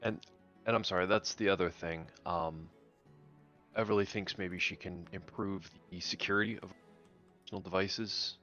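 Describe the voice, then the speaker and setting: Very low male player, sharp timbre, hesitant, muddy lo-fi mic. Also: fairly even intonation, moderate pace, soft background music. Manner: hesitant, polite, many ums. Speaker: tabletop game player. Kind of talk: casual game-night talk. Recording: dull lo-fi mic.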